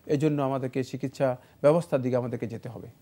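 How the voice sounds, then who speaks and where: A man answering religious questions on a studio show, in a measured, explanatory way with frequent fillers. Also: medium pitch, steady tone, warm tone. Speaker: Islamic scholar answering questions.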